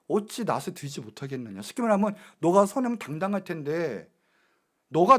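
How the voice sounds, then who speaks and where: High, lively-voiced male pastor preaching. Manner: emphatic preaching with rhetorical questions to the congregation. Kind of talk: sermon. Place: church sanctuary.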